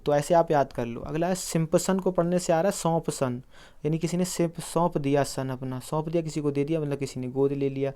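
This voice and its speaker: A man's voice: on the high side, mellow, smooth. A man teaching an exam-prep lesson on video, explaining memory tricks and answering his own quiz questions as he addresses viewers as friends. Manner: asks quiz questions and answers them himself.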